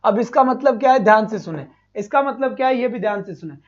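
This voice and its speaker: A man's voice: very high voice, animated, quick pace, muffled recording. A male teacher giving an online exam-prep class, asking his own questions, answering them and repeating each point, and praising the students as his children.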